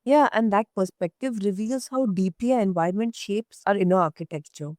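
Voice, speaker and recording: A woman hosting an interview, asking polished, measured questions in written-sounding phrasing. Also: medium pitch, a little mellow, no room sound, studio quality. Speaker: interview host.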